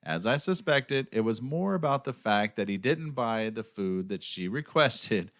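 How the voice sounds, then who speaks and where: A man's voice: lowish voice, lively intonation, measured pace, a bit bright. An American man hosting a true-crime podcast, reading scripted narration in a dry, sarcastic way between banter. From United States. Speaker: podcast host.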